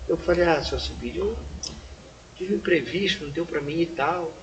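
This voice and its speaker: A Brazilian man, an evangelist, telling his testimony in casual chat as a lively storyteller who keeps saying "rapaz" and acts out the dialogue. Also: fairly high pitch, moderate pace, lo-fi sound. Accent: Brazilian Portuguese. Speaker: evangelist guest on a church podcast. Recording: clear background noise.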